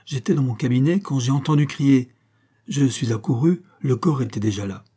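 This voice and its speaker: A man's voice: medium pitch, moderate pace, warm tone, slightly rough, natural voice. A man voicing a pompous, self-important theatre director in his fifties who bellows and swears. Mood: blustering. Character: pompous loud fiftyish male theatre director.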